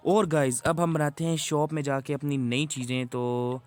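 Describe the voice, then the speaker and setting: A man's voice: on the high side, level tone, moderate pace, darkish tone. A man giving chatty, casual gameplay commentary to his viewers. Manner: chatty, addresses viewers as guys. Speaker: gaming YouTuber.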